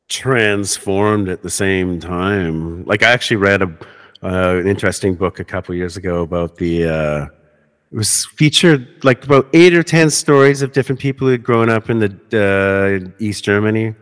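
A podcast host with a deep, low voice chats casually at a normal speed, rambling with lots of "like" and "uh" and frequent restarts. His voice carries a long reverb tail.

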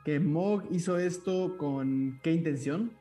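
A man's voice: fairly high pitch, slow, dark tone, soft background music. Man running a tabletop game. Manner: calls for rolls, describes effects. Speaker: game master.

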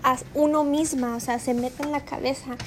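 A middle-aged woman with a high, girlish voice hosts her podcast in a casual, rambling motivational monologue, full of fillers and slipping into English now and then. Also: steady tone, moderate pace, noisy background. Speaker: podcast host.

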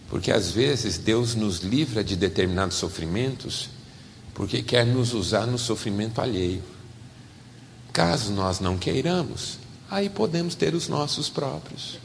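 A man with a Brazilian Portuguese accent preaching a sermon as a pastor, animated and swinging from loud to soft. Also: fairly low pitch, a little slow, vocal fry, long reverb tail, slight background noise.

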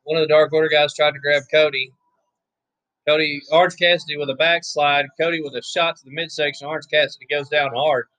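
A hoarse man, giving laid-back, chatty play-by-play commentary on a wrestling match, with offhand asides. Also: fairly high pitch, fairly even intonation, a little fast, a bit bright, dry recording, rough recording. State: hoarse, losing his voice. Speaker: wrestling watch-along commentator.

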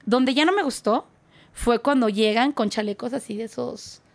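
A woman's voice: a little high, normal speed, gravelly. A Mexican woman, a singer and podcast guest, telling stories casually and acting out voices and sound effects.

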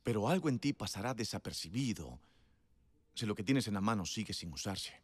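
A man's voice: on the low side, animated, fairly quick, slightly rough, no room sound. A man preaching a sermon in a conversational storytelling way, emphatic and laughing often.

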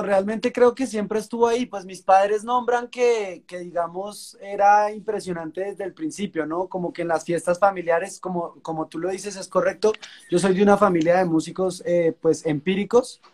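A young Colombian man with a Colombian Spanish accent, a singer-songwriter chatting in an interview and telling relaxed stories. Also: sits high, normal speed. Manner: relaxed, storytelling, uses fillers like pues. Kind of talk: casual interview chat.

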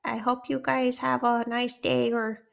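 A woman's voice: flat delivery, measured pace, gravelly. Christmas Koala, a woman doing a cheerful girl koala. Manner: high, sweet, childlike chatter. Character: chatty little girl koala toy, cheerful.

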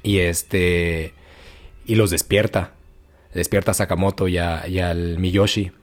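A man's voice: low voice, slow pace. Slangy Mexican man telling a story. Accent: Mexican Spanish. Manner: slangy, animated, acts out quotes. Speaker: podcast host. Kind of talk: casual storytelling chat.

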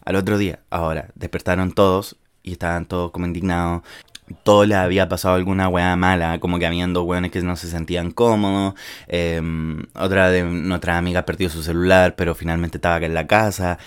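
A man's voice: low voice, flat delivery, fairly quick, clear, resonant tone. A young man with a Chilean accent, telling a story casually in slang-filled speech. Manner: informal and slangy, with frequent filler words. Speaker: vlogger.

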